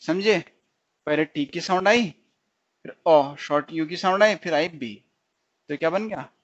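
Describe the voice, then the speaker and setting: A man's voice: on the high side, a little slow. A male stenography teacher giving a recorded lesson, explaining step by step, repeating each sound and checking that students follow. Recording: dull lo-fi sound.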